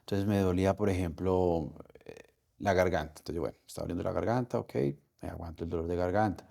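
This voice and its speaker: A middle-aged man with a Colombian accent, telling a personal story in an interview, halting and emotional with many restarts. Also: deep voice, steady tone, gravelly, warm tone. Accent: Colombian Spanish. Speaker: interview guest.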